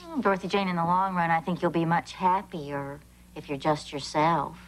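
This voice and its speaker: An actress playing a gentle, encouraging mother in a sitcom. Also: on the low side, moderate pace, a little hiss or hum, lightly acted. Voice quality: soothing, encouraging. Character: gentle, wise mother of a teen. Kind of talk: 1990s sitcom acting.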